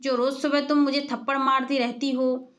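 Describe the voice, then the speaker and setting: A woman voicing a brash, half-deaf young village man who talks loudly and rambles. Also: high-pitched, little pitch movement, normal speed. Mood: boastful. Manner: loud, mishears and rambles.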